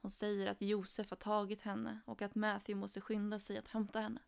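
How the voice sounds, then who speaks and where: Woman narrator for a true crime story, even delivery, some vocal fry. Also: mid-range voice.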